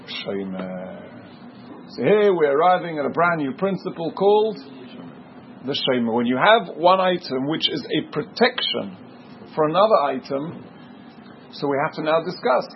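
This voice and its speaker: A man's voice: fairly high pitch, a little hiss or hum. A man teaching a Talmud class, explaining step by step and stretching out key terms for emphasis. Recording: dull lo-fi with faint ambience.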